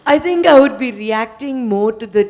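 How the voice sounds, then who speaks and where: A woman's voice: on the high side, animated, normal speed, crowd noise. A woman in a seminar audience giving a hesitant, joking answer. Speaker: audience member.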